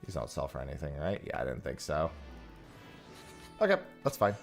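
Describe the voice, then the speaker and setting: Gaming on stream, a man with a bass voice chats and thanks viewers through his headset mic. His delivery is sing-song and moderately paced, with vocal fry, over soft background music.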